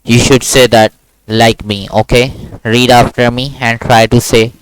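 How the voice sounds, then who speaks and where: A male online Quran teacher with a smooth voice recorded dry and close on a video call. He speaks in an even, steady tone, patiently repeating sounds slowly so a young student can copy them. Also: medium pitch, no echo, rough recording. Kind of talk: one-on-one online lesson.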